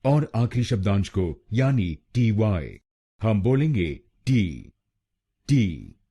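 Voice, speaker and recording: A man with a low, husky, mellow voice teaching pronunciation. He speaks very slowly, drilling each syllable and repeating it. His pitch moves a lot as he models the sounds. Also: lively intonation. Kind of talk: scripted pronunciation lesson.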